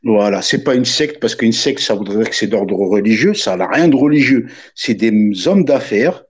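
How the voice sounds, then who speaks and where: A man explaining and asking questions in a casual debate, in halting phrases. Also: lowish voice, lively intonation, slightly rough.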